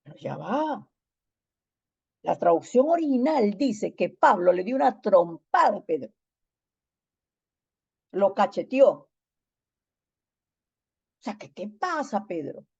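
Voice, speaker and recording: A woman's voice: medium pitch, very animated, slow, creaky, pauses often, slightly rough, lo-fi sound. A woman pastor preaching a sermon, emphatic and repeating phrases for stress.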